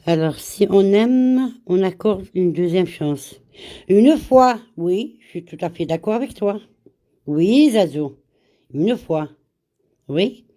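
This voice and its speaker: Woman, head cold, casual live chat host, slow pace, dark mellow voice. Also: medium pitch, expressive. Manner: greets viewers by name, mixes in Arabic greetings; slow, repeats words. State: has a cold.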